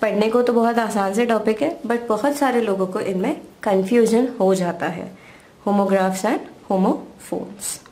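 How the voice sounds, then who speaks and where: A woman's voice: on the high side, moderate pace, a little mellow. An Indian woman teaching English grammar, patiently explaining and spelling out words letter by letter. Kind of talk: slow explanatory lesson in Hindi-English mix.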